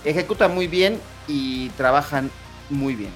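A man giving analytical sports commentary in a talk show, phrasing his points deliberately. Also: fairly high pitch, faint music behind.

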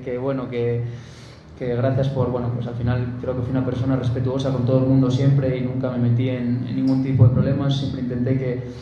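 A man with a Spanish accent speaking hesitantly, with many pauses and fillers. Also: medium pitch, dark tone, a little hiss or hum. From Spain. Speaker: footballer at farewell. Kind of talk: emotional farewell statement. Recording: distant, dull and very echoey.

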